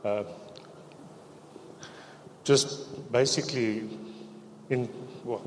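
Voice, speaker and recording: Halting man, middle-aged. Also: medium pitch, steady tone, a little hiss or hum. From South Africa. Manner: halting, hesitant, quiet. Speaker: church member giving testimony. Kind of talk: personal testimony in church. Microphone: handheld microphone. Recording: echoey church hall.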